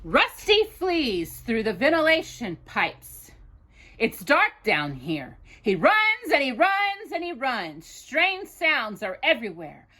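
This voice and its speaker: Reading a children's picture book aloud, this woman speaks in a high voice as a storytime host, taking an expressive, deliberate approach suited to a young child.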